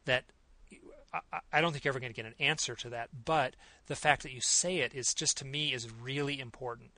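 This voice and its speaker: A man's voice: mid-range voice, fairly even intonation, a little fast, bright, forceful tone, dry recording. A man hosting an interview, responding in a reflective, enthusiastic way. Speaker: interview host. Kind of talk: conversational interview.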